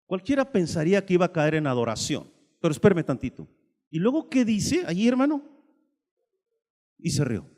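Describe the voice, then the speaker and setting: A high-voiced man preaches a lively sermon, shifting between loud, emphatic bursts and quiet asides. His voice rings with a long reverb, as in a church hall. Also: normal speed, pauses often. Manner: animated, swings between loud emphasis and soft asides, acts out dialogue. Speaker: pastor.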